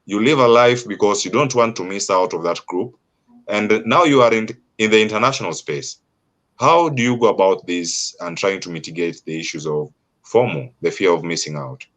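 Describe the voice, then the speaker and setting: A man with a Kenyan accent hosting an interview, asking long, winding questions with slow, emphatic phrasing. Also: lowish voice, fairly bright tone. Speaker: host. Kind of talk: interview host.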